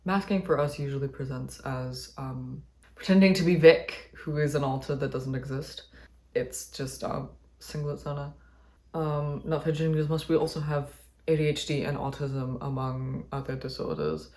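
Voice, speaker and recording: Gravelly voice, chatty and wry. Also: medium pitch, normal speed, a little mellow. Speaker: interviewee. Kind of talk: personal reflection.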